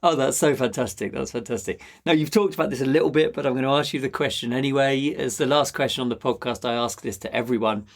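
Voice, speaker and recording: A podcast host interviews and delivers a scripted sign-off, sounding enthusiastic and encouraging. His medium-pitched voice moves quickly with hardly any pauses.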